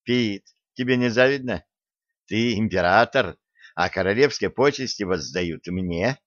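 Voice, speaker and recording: A man voicing a feisty, mischievous young woman explorer who talks in a bold, excitable, cheeky way. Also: lowish voice, measured pace, no echo, natural voice. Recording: dry, slightly dull audio.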